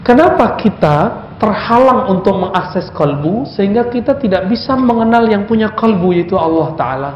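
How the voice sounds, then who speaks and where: A man's voice: sits high, darkish tone, a little hiss or hum. A male preacher giving a conversational religious lecture, often putting questions to his audience. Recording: echoey, dull lecture recording.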